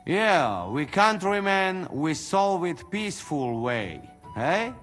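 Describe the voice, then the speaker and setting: A coaxing mercenary. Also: male voice, high-pitched, very animated, slow, a bit bright, big-room sound, soft background music, full character voice. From Trenčín. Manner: broken English, persuasive and friendly. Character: coaxing mercenary man in broken English.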